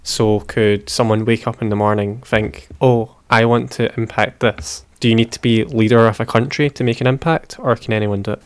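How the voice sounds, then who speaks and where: A man's voice: fairly low pitch, fairly even intonation, a little fast, hardly any pauses, smooth, dry recording. A man asking casual, conversational questions as an interviewer.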